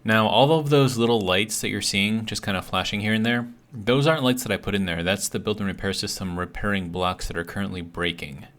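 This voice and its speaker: Brisk and barely pausing, a man with a low-leaning, slightly bright voice gives casual commentary for his gaming video series while hesitantly thinking out loud. He's healing from a bitten tongue, so his speech comes out slightly awkward.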